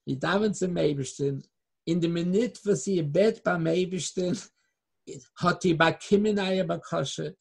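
A Torah teacher giving a religious lecture with Hebrew quotations and chanted blessings, swinging from low murmurs to loud emphatic bursts. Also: slightly rough.

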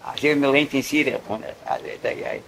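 Gravelly man telling a story. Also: mid-range voice, fairly bright tone, a little hiss or hum, low-quality recording. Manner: halting, repeats words often. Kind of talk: casual storytelling.

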